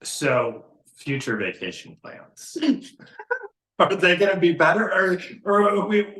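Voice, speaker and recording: A man hosting a podcast, asking casual interview questions in a halting way and often repeating his opening words. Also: sits high, sing-song, a bit bright, reverberant. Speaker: podcast host.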